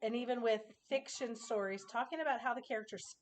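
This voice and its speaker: A woman's voice: a little high, brisk, slight background noise. A woman teacher giving an informal instructional presentation to parents, explaining with example questions.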